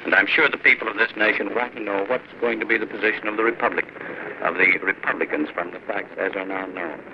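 A man's voice: fairly low pitch, steady tone, quick pace. A man reporting live in a polite, formal 1940s radio style, heard as an old archival broadcast. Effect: old archival radio broadcast sound. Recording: dull noisy 1940s radio recording.

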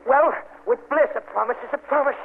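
Creaky, high-pitched grumbling private. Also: male voice, brisk. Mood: wry. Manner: folksy, slangy. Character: wry, grumbling male Marine private. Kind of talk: old-time radio comedy acting. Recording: tinny, noisy old radio recording.

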